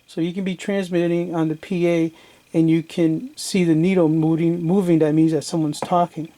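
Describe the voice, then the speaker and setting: A man demonstrates radio gear casually and step by step, like a hobbyist explaining how it works. His voice is fairly high yet dark in tone, level and at a moderate pace. Radio static and background noise make the recording noisy.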